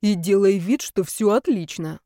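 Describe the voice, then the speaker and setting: A woman voicing an arrogant, quick-tempered young man who talks in a curt, sneering way. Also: medium pitch, dark tone, no echo, studio quality, close to an everyday voice. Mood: bossy.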